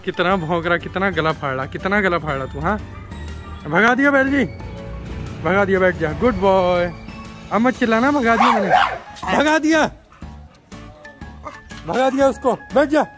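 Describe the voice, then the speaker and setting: A man's voice: lively intonation, normal speed. Man vlogging at home, coaxing his dog. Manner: coos at the dog in high baby talk. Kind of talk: casual home vlog. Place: family home. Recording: background music under the voice.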